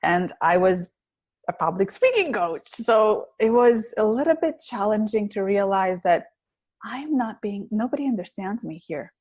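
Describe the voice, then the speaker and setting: A public speaking coach from Greece is interviewed on a podcast, speaking with a heavy Greek accent. Her mid-range, darkish voice is earnest and reflective, with some hesitations.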